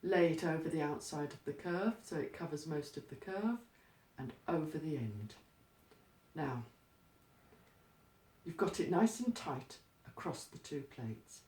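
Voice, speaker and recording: A woman with a low, dark voice gives a step-by-step craft demonstration, speaking a little slowly yet animatedly. Her instructions are plain, practical and instructive. The recording sounds roomy and echoey, as if the microphone were distant.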